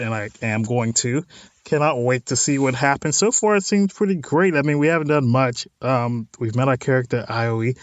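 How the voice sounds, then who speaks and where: In a mid-range voice with no room sound, a man reads a visual novel's text aloud for a let's play he's hosting. Along the way he offers informal, wry asides on what he reads.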